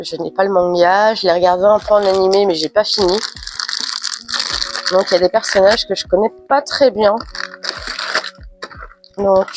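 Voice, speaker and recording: A woman with a cold and a stuffy, nasal voice, chatting casually through an unboxing with frequent hesitant fillers. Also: fairly low pitch. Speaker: unboxing vlogger.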